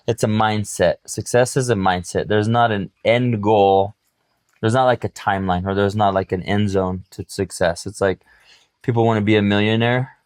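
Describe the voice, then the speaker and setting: A man's voice: lowish voice, no echo, clean studio sound. A middle-aged man co-hosting a podcast, talking reflectively and motivationally in casual chat. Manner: reflective, motivational, uses sports examples. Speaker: podcast co-host.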